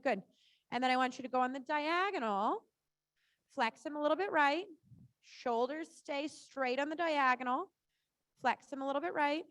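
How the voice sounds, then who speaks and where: Woman, riding instructor, high-pitched, reassuring, casual live coaching, repeated short cues, very little echo. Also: a bit bright. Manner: informal, reassuring.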